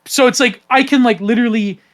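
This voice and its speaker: High-voiced rambling Canadian man. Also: quick pace. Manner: rambling, many fillers and restarts. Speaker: podcast host. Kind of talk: casual podcast chat.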